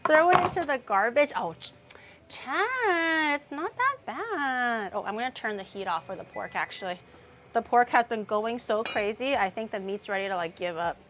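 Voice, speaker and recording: A woman with a fairly high, bright voice and a forceful tone chats on a casual cooking livestream from her home kitchen, working as a streamer and VTuber. She is blunt and profane, murmurs as she tastes the food, and there's slight background noise.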